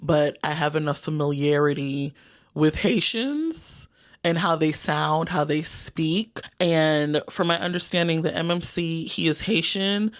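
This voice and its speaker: A woman's voice: low voice, a little slow, dry recording, studio quality. A woman from New York chatting casually with viewers about the books on her reading list, playful and talkative. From New York, United States. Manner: chatty and playful, addresses viewers as y'all and baby. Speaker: booktuber. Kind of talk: casual chat reviewing books.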